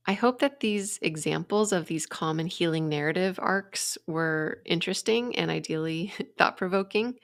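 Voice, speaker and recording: A woman in her young adult years talks through her ideas alone on a podcast, earnest and reflective in the way a coach explains things. Her voice sits on the low side. The sound is dry and close, with no room echo. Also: vocal fry. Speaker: podcast host and life coach. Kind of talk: solo podcast monologue.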